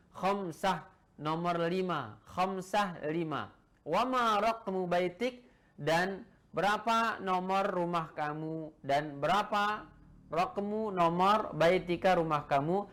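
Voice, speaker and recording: A man's voice: high-pitched, a bit bright. A man teaching Arabic in an online lesson, repeating each phrase and translating it piece by piece. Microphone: video call.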